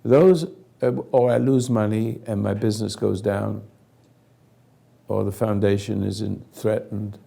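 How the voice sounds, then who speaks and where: An older man with a low, badly hoarse voice, as if gargling as he talks. It is thick with gravel and rasp. He leads a group conversation earnestly, in emphatic, broken phrases. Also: warm tone. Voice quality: gargling, raspy, failing voice. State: hoarse, throat-clearing. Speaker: host leading a group conversation. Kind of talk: spoken counselling talk to a group.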